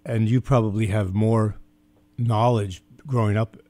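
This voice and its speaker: A man's voice: fairly low pitch, steady tone, a little slow, mellow, no echo. A man hosting a talk radio show, friendly and plain-spoken.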